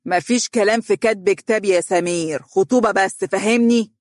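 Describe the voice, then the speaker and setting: A man voicing an insistent, sharp-tongued middle-aged mother with an Egyptian accent. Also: lowish voice, steady tone, quick pace, no echo, studio quality, natural voice. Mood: angry. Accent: Egyptian Arabic.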